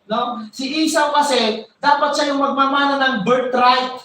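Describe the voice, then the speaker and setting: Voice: sits high, fairly even intonation, unhurried, bright, forceful tone, far from the mic. A preacher tells a Bible story to a congregation, stopping to repeat words while reaching for a name and checking in with "right?" The voice is picked up from well back from the mic. It rings through a very echoey room, with faint noise underneath. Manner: storytelling, repeats words while searching for names, asks "di ba?" often. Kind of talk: sermon, retelling a Bible story.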